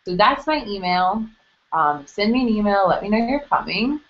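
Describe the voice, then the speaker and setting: Hosting an admissions office's live webcast info session, this young international admissions staffer has a mid-range, slightly bright voice and an animated, moderate pace. Her explanations are casual, step by step and full of fillers, heard through dull lo-fi webcast audio.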